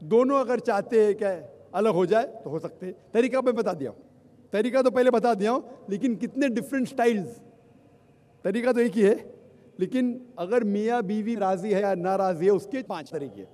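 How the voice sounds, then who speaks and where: At a public lecture, a male Islamic speaker answers audience questions, counting off his points one by one and mixing in English phrases. His voice is high-pitched with a dark tone, at a normal speed. A long hall reverb surrounds the recording.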